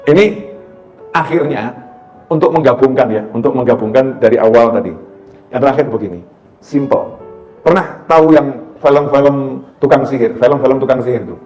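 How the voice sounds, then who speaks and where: A middle-aged man preaching a sermon, animated, breaking into chanted Arabic prayers. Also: mid-range voice, normal speed, pauses often. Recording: roomy hall sound with faint music.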